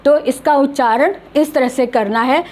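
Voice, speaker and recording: A high-pitched woman who speaks slowly while teaching a grammar lesson online. She is middle-aged and patient, and she stretches out each example word so it can be heard clearly. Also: darkish tone. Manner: slow, patient, drawing out example words.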